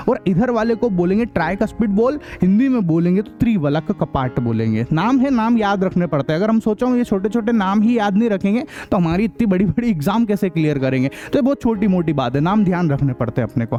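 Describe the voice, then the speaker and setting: A man with a Hindi accent and a high-sitting, dark voice teaches an explanatory science lesson, with dull audio. He repeats key terms, casually quizzes students with questions back, and calls them brother.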